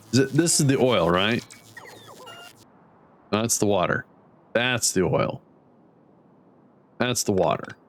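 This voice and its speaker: Streamer, male, relaxed meandering commentary, average pitch, plenty of fillers. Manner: rambling, thinking aloud with many fillers. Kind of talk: casual gameplay commentary.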